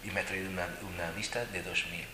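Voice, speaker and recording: A man telling personal stories to an audience in an animated, emphatic way, often repeating words for stress. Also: low voice, fast, roomy sound, noisy background.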